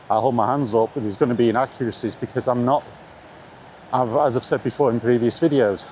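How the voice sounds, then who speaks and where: A retro-games video blogger, a middle-aged man, offers plainspoken opinions in a casual monologue while walking in the rain, repeating points to stress them. His voice is mid-range and a little mellow, and ambient noise runs through the outdoor recording.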